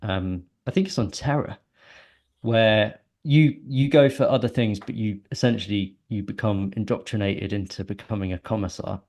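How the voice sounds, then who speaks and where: A man's voice: on the low side, moderate pace, a little mellow. A man co-hosting a podcast, casually retelling a long story with many ums and restarts. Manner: rambling, many ums and self-corrections. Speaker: podcast co-host.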